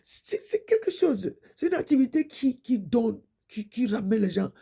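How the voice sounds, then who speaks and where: A woman's voice: on the high side, very animated, moderate pace, gravelly, dark tone, breathy edge. A woman preacher giving a fervent exhortation and prayer, repeating her pleading prayer lines.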